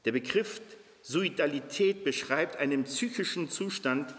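A man's voice: fairly high pitch, moderate pace, a bit bright. A man in his fifties preaching a sermon as a pastor, earnest, his voice climbing when he reads scripture aloud. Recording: echoey hall with long reverb.

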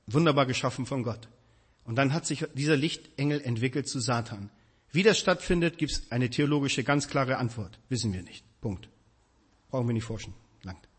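A man preaching a sermon, addressing his congregation directly with emphatic, animated delivery. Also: medium pitch, normal speed, breathy edge.

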